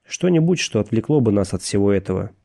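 A man's voice: on the low side, lively intonation, fast, vocal fry, mellow. A man voicing a cold, mocking young male rival walker with a drawling, sardonic manner.

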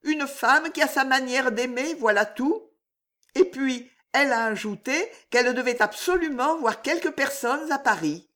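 A woman's voice: high voice, unhurried, fairly bright tone, voice pushed up. Woman reading as pleading young Juliette. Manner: pleading, emotional, breathy at times. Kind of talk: audiobook reading.

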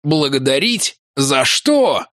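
A man's voice: mid-range voice, very animated, takes it slowly, sharp tone, dry recording, pitched above the performer's own voice, exaggerated voice. A man voicing a plain-spoken ship's first mate in an audiobook, with short matter-of-fact replies, in a dry studio sound. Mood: puzzled.

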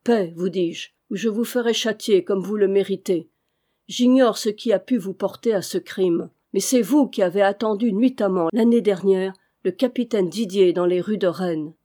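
A young noblewoman of high birth, played by a woman reading the novel aloud. She speaks haughtily and accusingly, her voice mellow and warm. An audiobook reading. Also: moderate pace, lightly acted. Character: proud young noblewoman, indignant and frightened.

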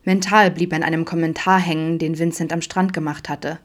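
Audiobook reader: woman, low voice, calm even narration. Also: brisk. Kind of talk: scripted narration.

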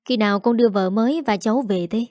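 A woman's voice: medium pitch, fast, a little mellow, dry recording, studio quality, natural voice. A woman voicing a bossy, nagging older rural mother-in-law. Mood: curious.

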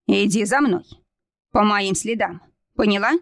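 A woman's voice: mid-range voice, a little slow, gravelly, no echo, studio quality. A woman reading a stern commanding young man. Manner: commanding, urgent orders. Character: stern young man leading through a blizzard.

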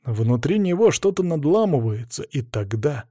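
A man reading a first-person fantasy audiobook in a steady, measured way. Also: fairly high pitch, dry recording, studio quality. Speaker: audiobook narrator.

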